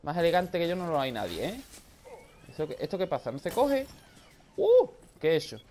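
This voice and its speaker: A man with a Spain Spanish accent commentates his game live, loud and excitable. He shouts and swears often, his pitch leaping up and down. A faint hiss sits under the voice. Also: normal speed. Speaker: gaming video creator.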